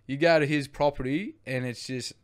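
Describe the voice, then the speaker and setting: A young Australian man tells a long, casual story, rambling and dropping the odd swear word. His voice comes through smooth and clear at an ordinary middle pitch. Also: fairly even intonation, moderate pace. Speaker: brewery co-founder guest.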